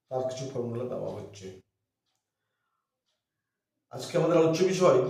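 A male English teacher with a Bengali accent giving a lesson at a board, explaining slowly and spelling words out letter by letter. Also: medium pitch, darkish tone. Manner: frequent checking fillers. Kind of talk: classroom lesson. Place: classroom with a board. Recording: very echoey room, far from mic.

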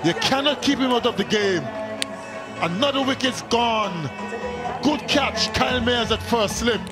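A man shouting excited calls as wickets fall in live cricket commentary. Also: very high voice, a little slow. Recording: loud crowd and music behind.

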